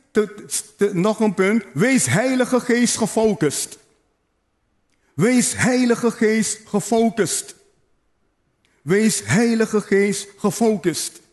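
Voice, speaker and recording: A man with a high voice preaches a sermon to a congregation. He drives his points home through repetition and calls out to the listeners, mixing in playful asides. His pitch sits well above most men's. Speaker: pastor.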